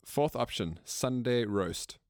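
A man's voice: medium pitch, animated, slow, a little mellow, dry recording, studio quality. A man with a South African accent co-hosting a podcast, joking and laughing between his lines. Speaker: podcast co-host. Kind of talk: casual podcast interview.

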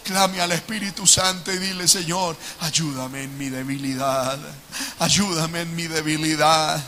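A man leading a fervent prayer sermon as pastor, moving between hushed prayer and shouted pleading cries. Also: fairly high pitch, steady tone, a little slow, a little hiss or hum. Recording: long hall reverb with music behind.

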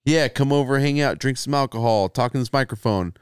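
A man's voice: mid-range voice, a little fast, clear, resonant tone, no room sound, studio quality. A man co-hosting a podcast, laid-back and teasing in casual banter. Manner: laid-back, teasing, says dude a lot. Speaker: podcast co-host.

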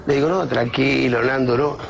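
Lively Rioplatense male storyteller. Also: mid-range voice, normal speed, vocal fry. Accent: Rioplatense Spanish. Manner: lively, plays the other people in his stories. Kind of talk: storytelling in an interview.

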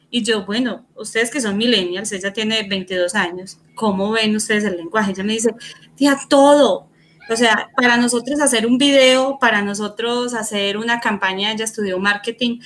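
A woman's voice: medium pitch, a bit bright, slight background noise. A woman interviewing a teacher, talking in a reflective, conversational way and asking follow-up questions.

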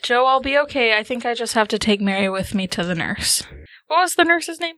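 A woman's voice: on the high side, expressive, a little fast, pushed and bright, no echo. A woman playing in a tabletop game, speaking in character and chatting between moments. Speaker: player. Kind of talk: tabletop role-play.

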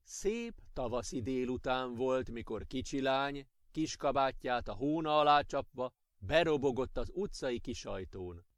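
A man narrating a children's storybook audiobook with expressive storytelling. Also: mid-range voice, no echo, studio quality.

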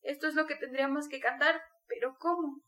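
A woman's voice: high-pitched, steady tone, a little fast, sharp tone. A woman voicing a dying mother in delirium, feverish and torn between pleading and rage, in an audiobook reading. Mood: delirious.

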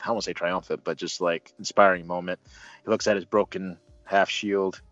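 Talking up a film with gushing enthusiasm and lots of emphatic repetition, this man co-hosts a review show in a casual way. His low voice is a bit bright, shows little pitch movement, and keeps a normal speed over dull, roomy lo-fi sound with music underneath.

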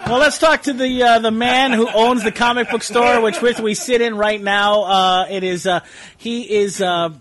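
A man with a high voice hosts a casual podcast, introducing his guests one by one. He rambles and halts, leaning on fillers as he strings the introductions together. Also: steady tone, moderate pace, a crowd in the background. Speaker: podcast host. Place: comic book store.

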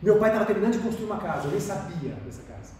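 A man with a Brazilian Portuguese accent telling his life story as a podcast guest, animated and repeating phrases for emphasis. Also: sits high, slight background noise. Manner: rapid, animated, repeats phrases and acts out dialogue. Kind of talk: emotional personal storytelling in conversation. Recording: echoey room, distant mic.

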